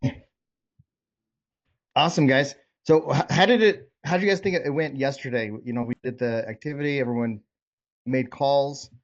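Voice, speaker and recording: Checking in with participants during a casual group coaching session over video, a man sounds informal and encouraging. He talks at normal speed in a mid-range voice with long pauses, heard through dull, lo-fi call audio.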